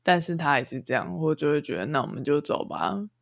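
A podcast co-host, talking calmly and thoughtfully in casual chat. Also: mid-range voice, brisk, gravelly, dry recording, clean studio sound.

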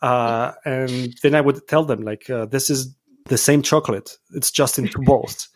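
A man from Serbia, a guest author telling a story in an interview, halting with many fillers and restarts. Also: mid-range voice, fairly even intonation. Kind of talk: casual interview talk.

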